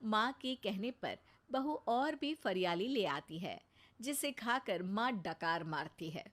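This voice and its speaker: A woman's voice: medium pitch, lively intonation, slow pace, a bit bright. A woman narrating a cartoon story in a plain, scripted storybook manner.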